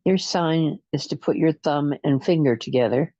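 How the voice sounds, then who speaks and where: A relaxation guide speaks soothingly and hypnotically through a guided imagery session, using long pauses and slow counts. The medium-pitched voice is mellow, and the dull lo-fi recording has no echo.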